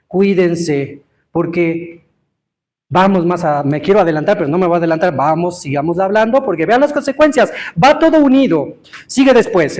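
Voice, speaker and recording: High-voiced man teaching a congregation. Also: a little mellow. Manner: quizzes the congregation, stresses words slowly. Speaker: Torah teacher. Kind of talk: interactive teaching sermon. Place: live congregation.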